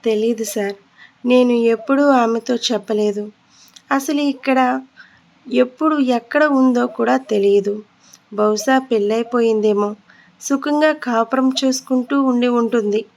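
A woman voicing a young male prisoner on death row who answers quietly and with resignation. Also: fairly high pitch, a little slow, vocal fry. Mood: resigned.

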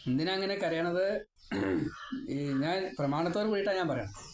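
A man giving a devotional scripture lesson. He chants verses slowly, then explains them in a rambling, personal way with wry asides. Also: high-pitched, a little hiss or hum. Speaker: Bhagavatam teacher. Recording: echoey room with faint ambience.

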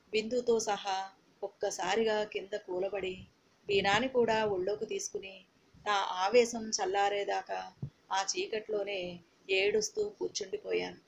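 A woman's voice: medium pitch, creaky, muffled recording, slight background noise. A woman narrating a first-person audiobook in an emotional, dramatic reading.

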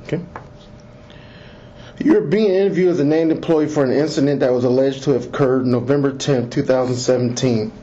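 This clip sounds like an interrogation tape: muffled, lo-fi audio with faint hiss from an interview recorder. A police lieutenant with a mellow mid-range voice deliberately reads through the set admonitions of a formal interview script, taking it slowly.

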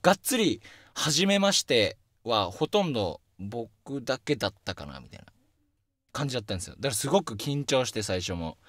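A young man hosting a casual solo radio talk show, telling stories in an animated way and poking fun at himself. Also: mid-range voice, a little fast, no echo, clean studio sound. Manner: lively, animated storytelling with self-deprecating asides. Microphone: studio microphone.

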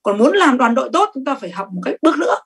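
A middle-aged woman giving a sales training talk, lively and emphatic, often asking the audience questions. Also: sits high, racing, slightly rough.

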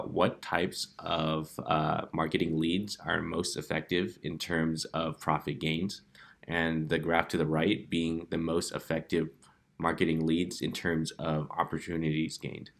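Very deep-voiced man walking through a demo. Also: gravelly. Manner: relaxed, with frequent "uh" fillers. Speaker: presenter of analytics demo. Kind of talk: casual software demo walkthrough.

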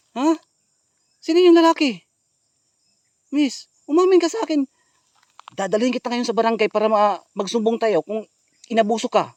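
Man calling out, then hushed asides. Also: very high voice, no echo. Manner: calls out loudly, then drops to hushed asides to viewers. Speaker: ghost hunter vlogger. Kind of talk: outdoor staged vlog narration.

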